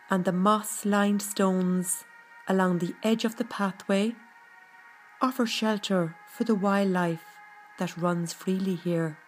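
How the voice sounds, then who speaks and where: A woman leads a guided meditation at a very slow, measured pace. Her delivery is gentle and soothing, with a mid-range pitch. Soft music plays faintly behind her scripted narration. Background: background music.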